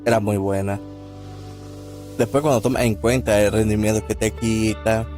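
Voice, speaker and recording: A man's voice: on the low side, steady tone, moderate pace, a little mellow. A man giving casual, off-the-cuff reaction commentary as a streamer. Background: music with guitar.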